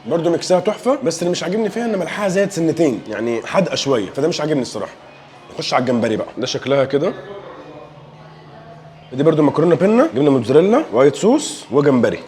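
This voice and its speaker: A man's voice: fairly high pitch, animated, very fast, a little mellow, soft background music. A young man with an Egyptian Arabic accent, reviewing dishes in a casual food vlog, joking and enthusiastic as he tastes. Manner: playful, joking, enthusiastic tasting remarks.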